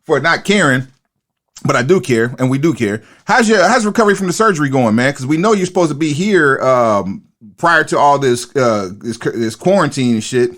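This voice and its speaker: Rambling podcast co-host, mid voice. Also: male voice, medium pitch, animated, moderate pace, fairly bright tone. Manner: rambling, restarting questions, laughing along. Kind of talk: casual interview chat.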